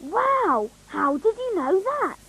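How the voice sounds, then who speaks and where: A woman's voice: very high voice, very animated, slow, bright, forceful tone, full character voice, low-quality recording. A woman voicing a cheerful, proud young elf boy in a children's cartoon, earnest and childlike. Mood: proud, chirpy.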